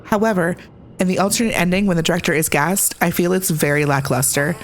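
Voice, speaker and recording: A woman's voice: lowish voice, quick pace, a little hiss or hum. A woman hosting a scripted game review, with a conversational, opinionated delivery. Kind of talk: scripted video review narration.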